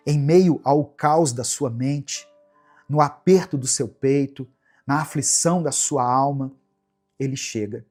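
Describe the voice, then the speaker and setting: Brazilian pastor guy, husky voice, soft earnest praying, faint music behind. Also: mid-range voice, takes it slowly. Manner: gentle, earnest, prayerful. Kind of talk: devotional prayer and sermon.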